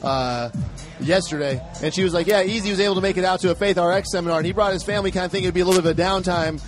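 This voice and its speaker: A man's voice: high voice, very fast, faint music behind. A male podcast host chatting casually and retelling a story to his guest. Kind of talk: casual interview talk.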